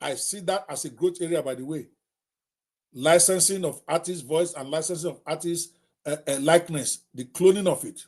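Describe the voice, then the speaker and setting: Middle-aged Nigerian male host, emphatic, repeats points, talks straight to viewers, pitched on the high side. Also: normal speed, a little mellow, husky. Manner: emphatic, repetitive, direct address to viewers. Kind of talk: live talk on technology.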